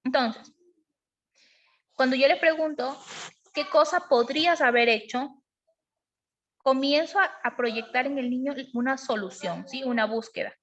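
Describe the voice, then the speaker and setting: High-voiced woman teaching a parenting class. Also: unhurried, long pauses. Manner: explanatory, asks frequent checking questions. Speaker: parenting educator. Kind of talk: online class on emotional parenting. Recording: dull lo-fi sound.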